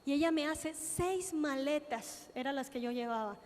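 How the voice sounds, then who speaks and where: With a high-pitched voice at a moderate pace, a woman from Colombia preaches a testimony sermon, performing her own prayers and exchanges as she narrates. The large hall adds long reverb, and slight background noise can be heard.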